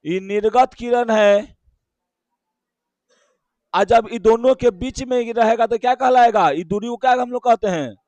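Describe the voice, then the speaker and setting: A man with a Bihari Hindi accent teaching a physics class, explaining slowly, repeating key terms and checking again and again whether students follow. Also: extremely high pitch, no room sound. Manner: keeps asking students short check questions.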